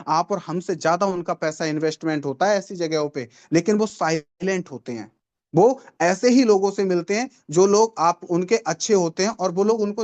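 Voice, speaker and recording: A man giving a live online training talk on network marketing. He talks persuasively, repeats his lines for emphasis and puts questions to the audience. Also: high-pitched.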